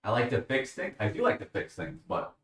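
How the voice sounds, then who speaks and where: A man's voice: mid-range voice, sing-song, brisk, fairly bright tone, recorded from a distance. A man chatting casually on a live stream, answering questions from his chat. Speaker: livestreamer. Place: at home, bathroom with a bathtub. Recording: echoey room, away from the mic.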